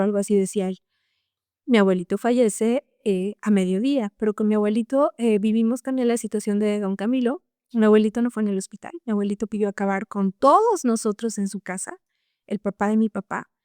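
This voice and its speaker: Earnest woman, clear bright voice. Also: a little high, no room sound, studio quality. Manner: earnest, tags lines with a questioning "no?". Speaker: podcast guest. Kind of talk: casual personal storytelling.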